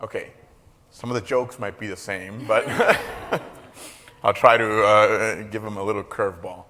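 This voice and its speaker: His voice sits fairly low, sounding pushed and bright, and he takes his time. He's a Costa Rican man around forty giving a keynote academic lecture on a lapel mic, with the large hall adding a long reverb. Filler words and small jokes pepper his hesitant delivery.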